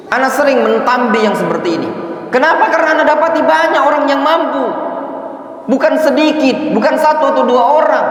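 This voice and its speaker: A man teaching a mosque study circle, exhorting his listeners, shifting between raised emphatic lines and low, chatty asides. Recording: echoey mosque hall reverb.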